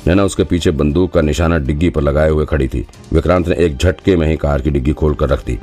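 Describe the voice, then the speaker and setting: A man's voice: rumbling low, steady tone, fairly quick, dark tone, faint music behind. A man narrating a thriller audiobook in a dramatic storytelling manner. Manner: dramatic storytelling, voices all characters himself. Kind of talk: scripted narration.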